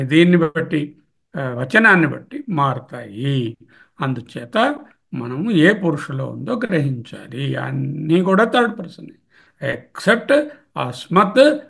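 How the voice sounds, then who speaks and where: A man's voice: fairly high pitch, creaky, fairly bright tone, breathy edge. A man teaching Sanskrit grammar, listing forms and explaining them in mixed with English terms. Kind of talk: grammar lecture.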